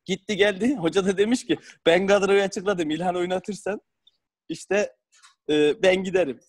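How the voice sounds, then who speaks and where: A man with a high, light voice spins lively anecdotes over a video call. He laughs through his stories and acts out the lines of the people in them. The sound is plain call audio. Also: normal speed. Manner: animated, laughs often, acts out quotes. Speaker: former footballer. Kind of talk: casual storytelling on a video call.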